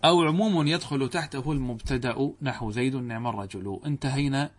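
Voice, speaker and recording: Speaking quickly in a husky, medium-pitched voice, this Arabic grammar teacher addresses his students head-on. He asks the class questions only to answer them himself, recites quoted passages, and makes sure they're following.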